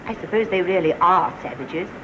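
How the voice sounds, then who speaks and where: A woman's voice: fairly low pitch, normal speed, dull audio, close to an everyday voice. An actress playing a genteel, inquisitive lady passenger in 1940s film style. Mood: curious. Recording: hissy old film soundtrack.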